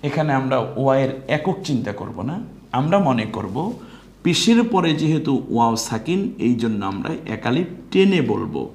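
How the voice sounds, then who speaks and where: A man with a mid-range, slightly mellow, sing-song voice teaches Quran recitation in a reverberant space. He works step by step, slowly spelling out syllables and explaining the pronunciation rules, then chants the verses in a drawn-out way.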